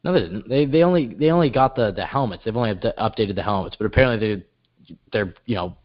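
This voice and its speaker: Man, sports podcast co-host, upbeat, lowish voice, dull lo-fi audio. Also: animated, fast. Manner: upbeat, wrapping the show up. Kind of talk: casual sports chat.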